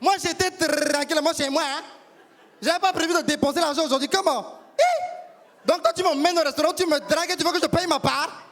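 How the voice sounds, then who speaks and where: A male comedian voicing a sassy young African woman who scolds a date, shrill and full of "hein". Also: steady tone, brisk, fairly bright tone. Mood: indignant. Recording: live stage with reverb and crowd.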